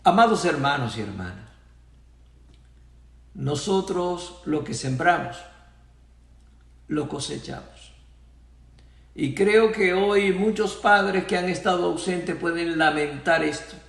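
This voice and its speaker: A man's voice: fairly high pitch, lively intonation, slow pace, creaky, long pauses, a bit bright, reverberant, distant mic. A man preaching a sermon as pastor, reciting song lyrics with feeling, in a church. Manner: recites song lyrics dramatically, voicing father and son.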